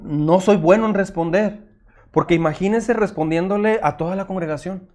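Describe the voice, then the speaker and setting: A man's voice: high-pitched, moderate pace, darkish tone. A middle-aged man, preaching a sermon as pastor in an earnest, direct way. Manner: earnest, direct, addresses listeners as usted, acts out their objections.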